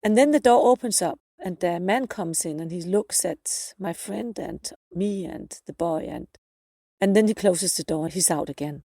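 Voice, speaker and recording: A woman's voice: lowish voice, moderate pace, dark tone, dry recording, studio quality. A woman podcast host earnestly retelling a personal spiritual experience in the present tense, often repeating her phrases.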